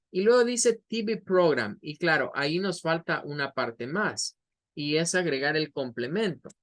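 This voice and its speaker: A man teaching a beginner English class, explaining step by step and repeating words slowly for students to copy. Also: fairly high pitch, fairly bright tone. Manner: patient, repeats pronunciation drills. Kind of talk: online class lecture.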